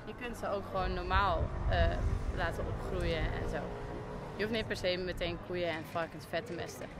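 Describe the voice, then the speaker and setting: A young woman answering a street interview outdoors with quick, matter-of-fact replies, spoken into a handheld mic. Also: on the low side, fairly even intonation. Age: young adult. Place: busy town street outdoors. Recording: clear street noise.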